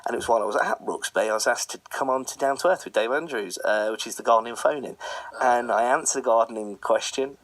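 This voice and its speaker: A man presents a casual radio talk show in an East Midlands, Leicester accent. He talks quickly in a chatty, self-deprecating way. The studio sound is close and dry, and his pitch sits in the middle. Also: dry recording. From Leicester, England.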